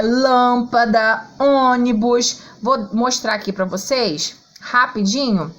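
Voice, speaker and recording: A high, animated voice from a Brazilian woman teaching children online. She talks slowly and patiently, stretching syllables out and checking in with the class after each point. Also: poor audio. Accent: Brazilian Portuguese. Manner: slow, patient, sings out syllables to show stress; checks in often with "tá?" and "ó". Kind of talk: online lesson for schoolchildren.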